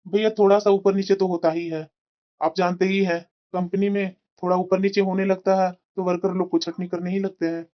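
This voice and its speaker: A woman voicing Ravi, an anxious, deferential young man in a cartoon family drama, in a low, quiet put-on voice. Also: little pitch movement, moderate pace, lo-fi sound, natural voice. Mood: worried. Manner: worried, deferential.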